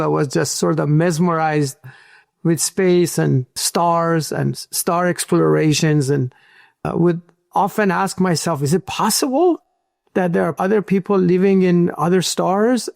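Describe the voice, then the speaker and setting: Gravelly man in his sixties, from Iran. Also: a little high, unhurried, darkish tone, no room sound, clean studio sound. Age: 60s. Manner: earnest storytelling with small slips. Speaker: guest entrepreneur. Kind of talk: interview answers.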